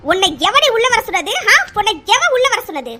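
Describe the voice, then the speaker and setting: A woman's voice: very high voice, big pitch swings, brisk, sharp tone, pitched above the performer's own voice, heavily acted. A woman voicing a cruel, scornful old grandmother in a cartoon serial, with harsh, taunting scolding.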